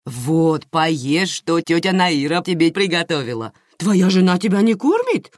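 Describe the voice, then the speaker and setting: Шумная, хлопотливая тётушка из аудиокниги, которую озвучивает женщина, говорит с размахом, голос скачет вверх-вниз. Запись сухая, без эха. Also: female voice, on the low side, sing-song, unhurried, no echo, studio quality, pitched above the performer's own voice. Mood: effusive fussing. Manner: effusive, exclaiming, fussing.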